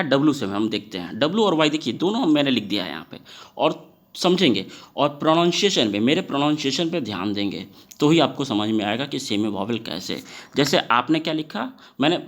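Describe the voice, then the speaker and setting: Man, teacher, animated intonation, quizzes students, drawn-out words for emphasis. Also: medium pitch. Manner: questions the class often and stretches words to stress sounds. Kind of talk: classroom lesson explaining to students.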